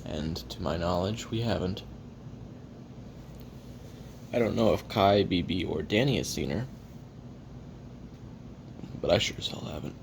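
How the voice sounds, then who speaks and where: A man plays a hard-drinking, jaded male assassin taping his memoirs in a confessional audio roleplay monologue. His low voice has a gravelly fry, and he rambles wryly and profanely at a measured pace with long pauses, putting himself down in a subdued, reflective mood. Clear hiss and rumble run under the recording.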